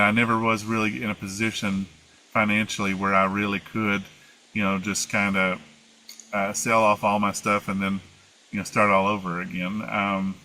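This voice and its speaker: A man's voice: fairly low pitch, pushed and bright, low-quality recording. An American man with an Appalachian accent, answering interview questions in a casual, rambling and somewhat hesitant way. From United States. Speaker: interview guest, former flight attendant. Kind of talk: casual conversational storytelling.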